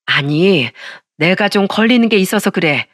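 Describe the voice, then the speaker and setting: A woman's voice: medium pitch, lively intonation, moderate pace, dry recording, studio quality, natural voice. A woman voicing a blunt, bossy middle-aged female school friend who scolds and accuses in a Korean storytelling recording. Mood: scolding. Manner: brash, scolding.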